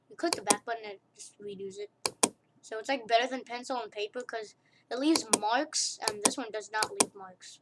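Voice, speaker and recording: A young woman casually talking through a screen-recorded drawing tutorial, rambling, correcting herself and giggling at her own asides. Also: fairly high pitch. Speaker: tutorial maker. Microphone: computer mic during screen recording. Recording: loud hiss with keyboard and mouse clicks.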